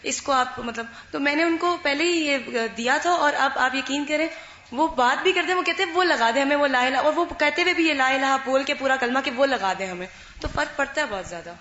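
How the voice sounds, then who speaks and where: A woman's voice: sits high, a bit bright. A woman student sharing an experience in a class discussion, chatty, with hesitant fillers. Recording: roomy, dull lo-fi classroom recording.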